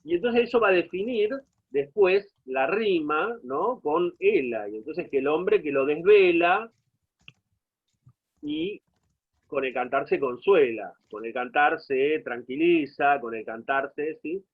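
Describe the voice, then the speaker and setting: Over tinny, phone-like video-call audio, an Argentine-accented man delivers an online university class. His slightly high voice swings widely in pitch, moves a little slowly, and has a breathy edge as he explains at length and keeps checking in with the students.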